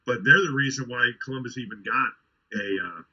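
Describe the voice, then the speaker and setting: Midwestern male co-host, husky storyteller, dull lo-fi recording. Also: mid-range voice, fairly quick, sharp tone. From Ohio, US. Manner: storytelling with many fillers and restarts, laughing. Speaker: podcast co-host. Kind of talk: casual chat. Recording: dull lo-fi sound.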